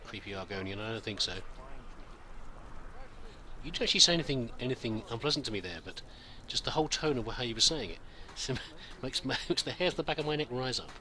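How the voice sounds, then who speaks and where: A man's voice: mid-range voice, animated, brisk, bright, forceful tone. A man giving casual, rambling game commentary, musing aloud hesitantly and politely as he plays. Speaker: gamer narrating a roleplay playthrough.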